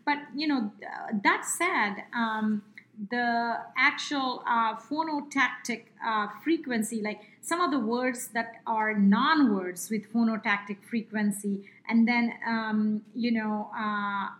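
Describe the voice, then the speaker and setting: Interview guest: woman, Indian accent, measured expert explainer, lots of fillers and restarts. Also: a little high, a bit bright.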